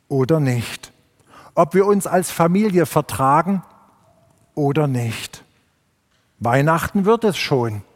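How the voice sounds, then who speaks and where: A pastor delivers his sermon slowly and deliberately. His voice sits a little high for a man. A long church reverb trails behind every phrase. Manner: measured, unhurried pulpit delivery.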